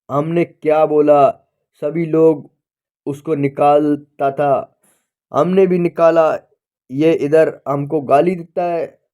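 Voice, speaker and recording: A man voicing a gruff male traveller who threatens in broken, ungrammatical Hindi. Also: mid-range voice, warm tone, close to an everyday voice.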